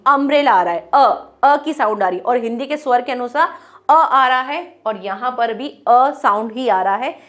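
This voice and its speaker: A woman teaching an English grammar lesson, explaining step by step and sounding out words slowly. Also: high-pitched, fairly bright tone.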